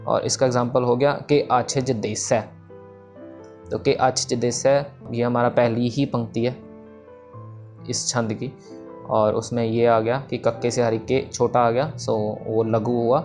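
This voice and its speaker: A man explains verse structure like a relaxed teacher, stopping for little fillers as he thinks aloud. His voice sits at an ordinary middle pitch. Faint music plays quietly under him. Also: measured pace. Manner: casual, thinks aloud with fillers, mixes English terms. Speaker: Sikh scripture teacher.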